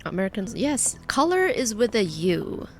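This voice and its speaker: A woman's voice: medium pitch, sing-song, normal speed. A woman giving chatty let's play commentary as a VTuber, reading game text aloud and making playful asides. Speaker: VTuber streamer. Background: faint game music.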